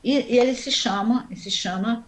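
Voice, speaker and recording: A woman teaching a Sanskrit class online, explaining step by step and often checking in with her students. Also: fairly high pitch. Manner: chants mantra syllables slowly.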